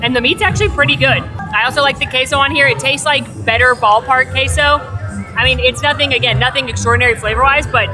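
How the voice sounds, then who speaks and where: A woman's voice: on the high side, low-quality recording. A woman narrating a vlog as host in a chatty, informal, casual way. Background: music.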